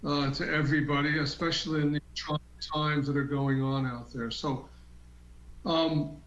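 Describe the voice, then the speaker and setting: A man's voice: a little high, flat delivery, moderate pace, a bit bright. A man calling in as a guest from a treatment room, hesitant with many fillers, his voice muffled and distant as if through a wall. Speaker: guest healer on a call-in show. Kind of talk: casual call-in chat. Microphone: remote computer call. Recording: muffled roomy remote call audio.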